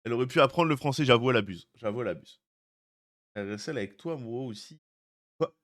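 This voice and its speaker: A man's voice: mid-range voice, expressive, fast talker, fairly bright tone. Chatty male streamer greeting his chat. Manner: chatty, greets chat by name, jokey asides. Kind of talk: casual live-stream chat.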